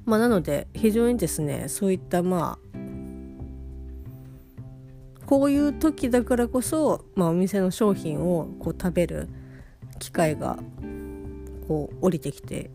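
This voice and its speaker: Lying down, a woman with a fairly low-pitched voice rambles sleepily through a casual monologue for her personal audio diary. She speaks at normal speed in an animated way, over a backdrop of plucked guitar.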